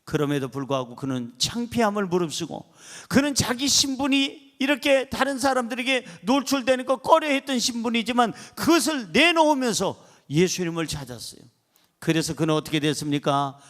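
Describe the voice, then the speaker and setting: A male pastor preaching a sermon, emphatic, swinging between loud exclamations and low, quiet asides. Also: moderate pace.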